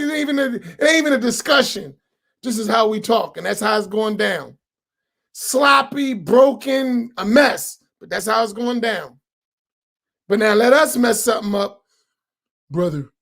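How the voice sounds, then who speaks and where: A man speaking on a live panel stream. His talk is animated and joking, with a preachy streak. He uses loose, slangy everyday speech. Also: very high-pitched, creaky. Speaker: imam on a live roundtable show. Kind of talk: casual livestream talk.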